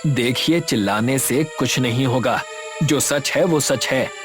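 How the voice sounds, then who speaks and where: An actor playing a kind, patient doctor in an animated story, talking gently and reasonably, over background music. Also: male voice, medium pitch, slow, close to an everyday voice. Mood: pleading.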